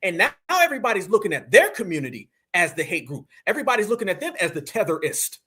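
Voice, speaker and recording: High-voiced combative male livestream host. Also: sing-song, fast, pushed and bright, breathy edge. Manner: combative, preachy, addresses the audience as family and y'all. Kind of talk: political commentary livestream.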